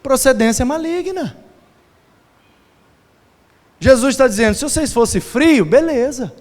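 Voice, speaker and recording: A man preaching a sermon as pastor, playful and animated, mimicking sounds and shouting for emphasis. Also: extremely high pitch, moderate pace. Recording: long hall reverb.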